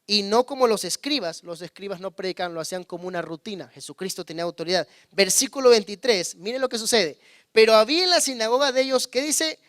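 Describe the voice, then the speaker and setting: Man, pastor, high voice, dry close sound, loud and hushed by turns. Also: fast, no echo. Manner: calls on the congregation to repeat words; swings between loud emphasis and hushed low asides. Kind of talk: sermon.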